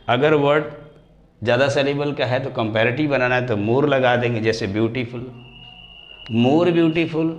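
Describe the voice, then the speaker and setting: A man teaching English grammar, his voice at an ordinary middle pitch for a man. He drags out example words slowly, syllable by syllable, and calls his students dear children. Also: highs cut off. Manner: slows right down and stretches example words to spell them out. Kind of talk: classroom grammar lesson.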